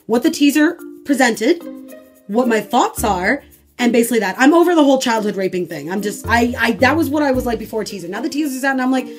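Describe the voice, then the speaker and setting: A young woman vlogger delivers an animated reaction rant with a slightly high voice. Her tone stays sarcastic and exasperated throughout. Faint music plays behind her. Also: fast.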